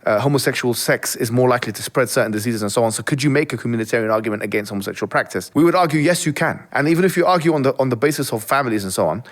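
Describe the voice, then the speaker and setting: Very fast-talking, didactic man. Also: mid-range voice. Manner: didactic, assertive, enumerates points. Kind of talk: argumentative explanation in conversation.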